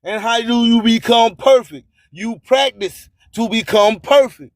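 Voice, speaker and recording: A man with a strikingly high-pitched voice takes his time, speaking at a measured pace through each phrase. His motivational spoken-word sermon sounds like a radio host's, emphatic and full of repeated lines. The recording is dry and close, with no room around it.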